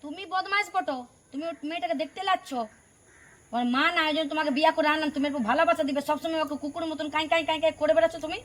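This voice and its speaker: A woman's voice: sits high, steady tone, rapid-fire, close to an everyday voice. A woman with a Purulia Bengali accent playing a grandmother who scolds her daughter-in-law in a village drama. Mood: indignant. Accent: Purulia Bengali dialect. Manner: scolding, indignant. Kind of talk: village home drama acting.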